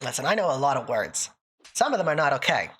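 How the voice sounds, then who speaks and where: Very deep, very animated, and husky, her voice comes out fast with a slightly bright tone. She's a woman from northern Canada hosting a livestream, chatting casually and answering viewers while joking and laughing often, in a thick accent that sounds put-on.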